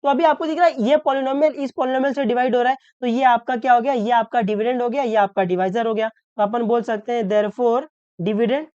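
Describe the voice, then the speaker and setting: Woman, maths tutor, Maharashtra accent, smooth higher voice, keeps asking if students follow, dry, muffled audio. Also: steady tone, a little mellow, dry recording. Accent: Hindi-English mix, Maharashtra. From Maharashtra, India. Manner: checks understanding with repeated questions; slows down to stress key rules. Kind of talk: step-by-step maths lesson.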